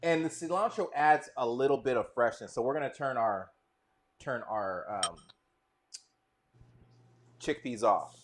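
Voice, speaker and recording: A man's voice: mid-range voice, animated, measured pace, pauses often, noisy background. A man hosting a live cooking stream, chatting loosely and joking while he tastes the food. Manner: loose, joking, talks with mouth full. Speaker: cooking show host. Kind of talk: casual live cooking chat.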